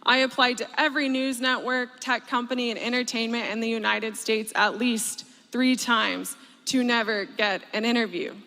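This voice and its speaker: A woman in her thirties giving a graduation speech, with deliberate, emphatic pauses. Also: on the high side, pushed and bright. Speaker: commencement speaker. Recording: long hall reverb.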